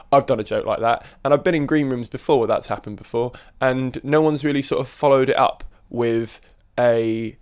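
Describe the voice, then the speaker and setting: Chatty young male podcast host. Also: mid-range voice. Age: 20s. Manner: chatty, laughs often, gets animated when defending himself. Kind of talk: casual podcast chat.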